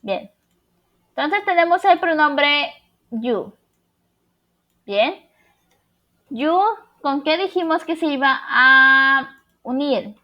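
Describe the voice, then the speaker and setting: A young woman teaches, her voice sitting a bit high. She explains step by step in a recorded class, often pausing to ask whether her students are following. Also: expressive, muffled recording. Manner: patient, checks understanding with frequent questions. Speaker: English teacher.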